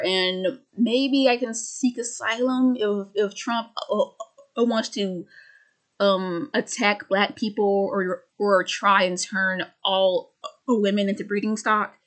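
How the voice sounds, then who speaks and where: A woman's voice: medium pitch, steady tone, takes it slowly, a bit bright. A woman of twenty-five ranting casually to camera, rambling and sardonic, with many restarts and stammers. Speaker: vlogger.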